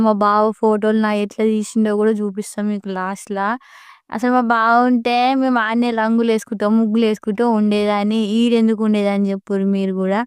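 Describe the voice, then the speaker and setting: A young woman with a Telangana Telugu accent, telling her own story in a slow, sorrowful way in a casual vlog. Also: medium pitch, darkish tone, smooth, dry recording, studio quality. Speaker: vlogger. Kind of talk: casual personal vlog talk.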